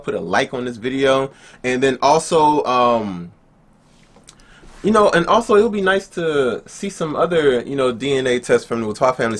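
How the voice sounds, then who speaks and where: Young male reaction host, chatty and upbeat, middle pitch, speaks to viewers like family. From Nigeria. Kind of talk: casual chat.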